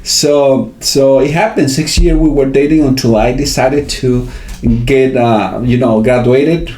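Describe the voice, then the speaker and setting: A man's voice: mid-range voice, a little slow, warm tone. A man, talking as a podcast guest, full of fillers and tag questions like "right?". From Venezuela. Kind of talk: casual interview. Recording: roomy echo.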